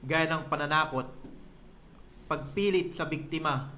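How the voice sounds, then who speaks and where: A man's voice: on the high side, unhurried, bright, forceful tone, slight background noise. A man appearing as a police officer guest on a radio show, explaining a topic point by point and defining each term. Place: radio studio.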